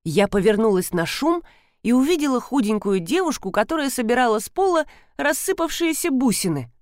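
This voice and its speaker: A woman reads an audiobook story aloud with an expressive manner. Her voice sits a little high and moves widely in pitch, and the read is close and dry, with no room sound. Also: brisk, no room sound. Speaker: audiobook narrator. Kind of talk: scripted narration.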